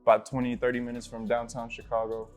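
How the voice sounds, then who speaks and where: A young man from Illinois, a rapper guest in a casual interview, slightly out of breath and relaxed, with many fillers. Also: mid-range voice, quick pace, soft background music. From Illinois, USA.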